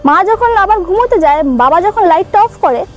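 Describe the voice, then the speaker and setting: A woman's voice: extremely high pitch, lively intonation, moderate pace, muffled recording, faint music behind. A young woman recounting a childhood ghost experience in a casual, hesitant way, with many fillers and restarts. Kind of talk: casual spoken true ghost story.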